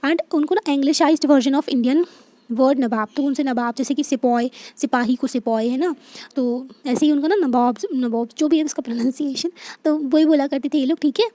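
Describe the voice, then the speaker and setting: A woman teacher explaining a history textbook chapter, reading lines slowly and then explaining them in a chatty way with frequent check-ins. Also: high-pitched, dark tone, no room sound. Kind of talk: explaining a textbook lesson to students.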